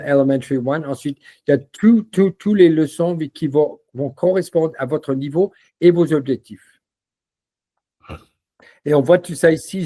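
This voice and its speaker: A man demoing a language-learning platform in a casual walkthrough, relaxed and full of fillers. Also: mid-range voice. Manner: relaxed, repeats words, many fillers.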